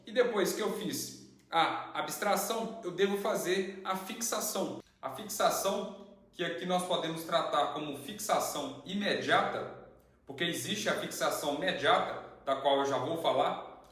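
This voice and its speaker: A man's voice: fairly high pitch, normal speed. A young man teaching a lesson, explaining step by step with examples and rhetorical questions. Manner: didactic, steady, uses worked examples and rhetorical questions. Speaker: channel host and study teacher. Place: indoor room with tiled floor. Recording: very echoey room.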